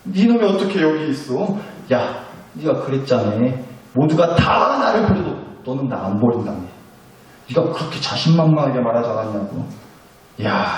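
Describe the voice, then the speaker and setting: Brief: a preacher playing a stern man mocking and scolding, lively pitch, far off in an echoey hall. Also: natural voice. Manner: rebuking, rough and mocking. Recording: very echoey room, distant mic.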